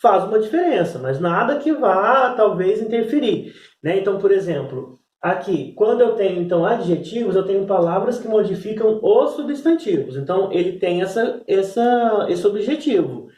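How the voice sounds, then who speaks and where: High-voiced teacher. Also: male voice, lively intonation, normal speed, darkish tone, reverberant, recorded from a distance. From Brazil. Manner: explanatory, repeats "né?" and "então". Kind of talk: recorded class lesson. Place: classroom.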